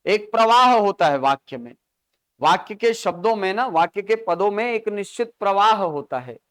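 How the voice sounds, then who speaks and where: Male coaching-class teacher, bright smooth tone, dry close sound, lectures with quick questions to the room. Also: sits high, dry recording. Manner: explains with examples and frequent rhetorical check-ins to the class. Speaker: Hindi grammar teacher.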